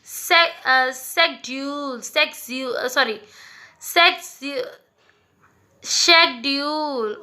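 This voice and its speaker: Slow, bright-voiced woman teacher. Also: high voice. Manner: explains slowly, repeating words and checking with "ठीक है". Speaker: school English teacher. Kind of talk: recorded online lesson.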